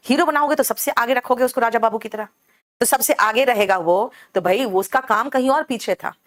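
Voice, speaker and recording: A woman teaching English grammar in a classroom, explaining patiently, checking understanding and slowing down to spell out example sentences. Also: fairly high pitch. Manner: explains patiently, calls students beta, asks check questions. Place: classroom with air conditioner running.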